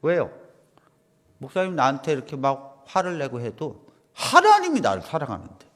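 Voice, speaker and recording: A middle-aged man preaches in a small church, and his voice rises and falls in a lively, wide sweep. He drops to soft asides, then builds to loud, emphatic lines. A long reverb trails after every phrase. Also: on the high side, moderate pace. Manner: swings between soft asides and loud emphatic preaching, acting out quoted dialogue. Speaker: pastor. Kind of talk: sermon.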